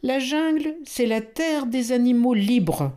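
A woman's voice: on the high side, slow pace, mellow, smooth, pitched above the performer's own voice. A woman voicing a cheeky, freedom-loving boy in a storybook, defiant and offhand.

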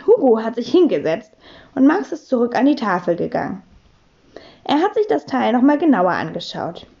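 A woman narrating a children's book in a playful, expressive way. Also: on the high side, moderate pace, gravelly, highs cut off. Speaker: audiobook narrator. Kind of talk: lively children's audiobook reading.

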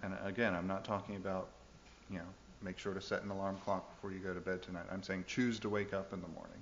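A male pastor preaching in a lowish voice, earnest and emphatic. He presses home his points with direct questions to the congregation. The recording is dull and lo-fi, with a faint hiss. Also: little pitch movement, fast talker. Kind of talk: sermon.

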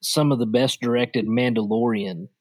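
A man's voice: medium pitch, steady tone, normal speed, no echo. A man co-hosting a podcast in a casual movie chat, talking in run-on thoughts and laughing easily. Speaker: podcast co-host.

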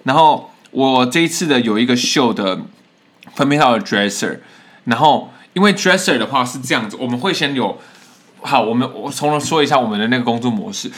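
A young man co-hosting a podcast, chatting casually with quick teasing remarks. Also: mid-range voice, expressive, fairly bright tone. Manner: quick-talking, teasing, reacts with laughs. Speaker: podcast co-host, stage performer. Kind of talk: casual chat.

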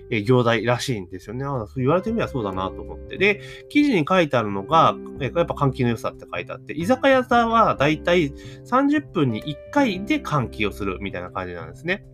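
A man talks quickly on his own podcast, with a lively voice that swings up and down. He thinks aloud, filling gaps with hesitations and asking listeners rhetorical questions, over faint guitar music. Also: medium pitch. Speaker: podcast host. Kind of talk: casual solo commentary.

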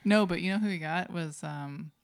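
A woman's voice: on the low side, normal speed, clean tone. A woman in her forties co-hosting a podcast, chatty, laughing easily and groping for words. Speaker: podcast co-host. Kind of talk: casual chat.

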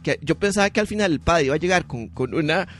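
A man's voice: fairly high pitch, fast. A young man with a Costa Rican accent, co-hosting a podcast and riffing on absurd ideas in a dry, joking way, with plenty of slang. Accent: Costa Rican Spanish. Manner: deadpan absurd riffing, heavy use of slang filler 'mae'. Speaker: podcast co-host. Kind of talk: casual comedic chat.

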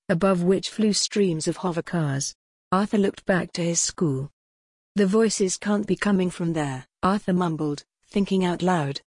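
A woman narrating a children's storybook in a steady, even reading voice, giving the characters quiet voices. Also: on the low side, slightly rough, dry recording. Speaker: audiobook narrator.

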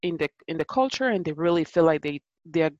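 A woman's voice: deep voice, fairly quick, no echo, muffled recording. A woman with a Ghanaian and Italian accent, chatting casually and telling stories, acting out what people say to her. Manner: animated storyteller, acts out quotes. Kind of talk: casual conversation.

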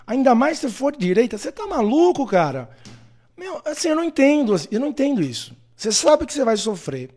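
A man from Brazil giving blunt, animated opinions straight to the listener, often mimicking the people he quotes. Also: very high-pitched, brisk. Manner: animated, blunt, addresses the listener as "colega" and "meu filho"; acts out quoted people in mocking voices. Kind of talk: opinionated talk to camera.

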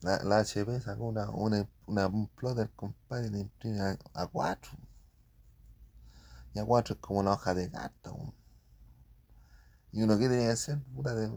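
A man's voice: on the low side, gravelly, darkish tone. A man with a Chilean accent rambling casually about print shop work, full of slang and spoken sound effects.

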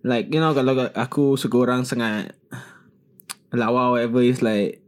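A man's voice: mid-range voice, fairly even intonation, moderate pace. A man with a Singaporean accent chatting casually, phrasing his thoughts hesitantly and mixing in words from another language. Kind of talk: casual group chat.

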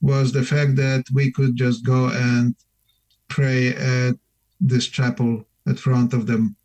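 A middle-aged man from Poland with a Polish accent, a new deacon calling in to a radio interview, speaking in an earnest, measured, plain-spoken way. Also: medium pitch, flat delivery, a little mellow, rough recording. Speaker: newly ordained deacon, guest.

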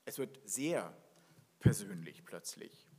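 Animated male pastor in a reverberant hall. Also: on the low side, slow pace, slightly rough. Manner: animated, acts out dialogue in his telling. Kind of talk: sermon with scripture reading.

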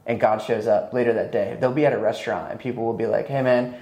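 A man's voice: lowish voice, fairly even intonation, quick pace, mellow. A man in his thirties speaking as a podcast guest in a casual, motivational conversational style. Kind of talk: casual motivational interview talk. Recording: echoey, roomy sound.

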